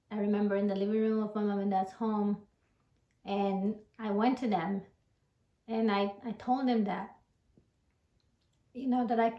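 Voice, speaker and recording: Woman, higher pitch, earnest devout testimony, halting phrasing, echoey room. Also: darkish tone. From Ecuador. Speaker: church member giving testimony. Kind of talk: personal faith testimony.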